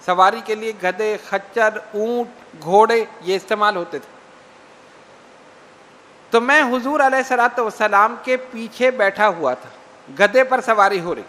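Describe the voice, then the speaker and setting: A man preaching with a very high, bright voice. He delivers slow, emphatic lines and recites hadith. His voice echoes with a long reverb. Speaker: Islamic preacher. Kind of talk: sermon.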